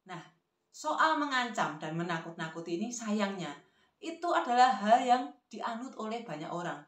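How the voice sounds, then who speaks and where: A woman giving a devotional talk, telling a story in a calm manner. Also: on the high side. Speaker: devotional speaker. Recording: roomy echo.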